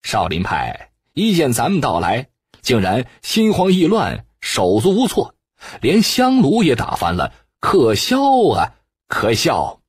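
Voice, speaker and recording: A man's voice: medium pitch, expressive, a little slow, a bit bright, breathy edge, no room sound, voice pushed up, heavily acted. A man voicing a scornful, sneering male wandering monk in an audiobook. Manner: sneering, with cold laughter.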